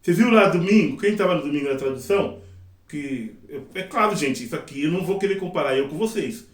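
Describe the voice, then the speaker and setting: A middle-aged man teaching a sign language interpreting class in a casual, lively way, acting out his examples. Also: fairly high pitch, quick pace. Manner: lively, acts out examples and quotes. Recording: echoey room, mic at a distance.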